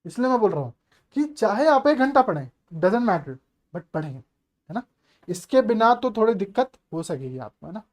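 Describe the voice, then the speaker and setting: A man's voice: high voice, big pitch swings, moderate pace. A male maths teacher giving an online exam-prep lecture, chatty and coaxing, asking the class rhetorical questions and mixing English terms into his explanations.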